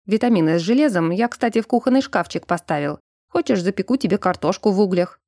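Blunt bossy young guy , a lady reader doing him, mellow dark voice, dry close sound. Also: medium pitch, lively intonation, fast, dry recording. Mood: calm teasing. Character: protective gruff young man, lover.

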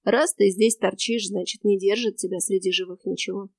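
A woman voicing a weary male stranger spirit in the afterworld, with a quiet, cracked voice and a flat, indifferent manner. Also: mid-range voice, normal speed, no echo, close to an everyday voice.

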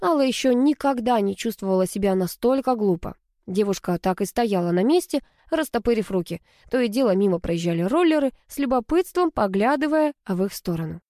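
A woman narrates a story in an even, measured storytelling voice of middle pitch. The recording is close and dry, with no room sound. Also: no echo. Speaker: audiobook reader. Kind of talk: scripted narration.

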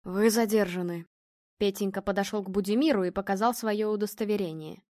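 A woman narrating an audiobook in an expressive storytelling manner. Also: mid-range voice, quick pace, no echo, studio quality. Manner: expressive storytelling, voicing characters.

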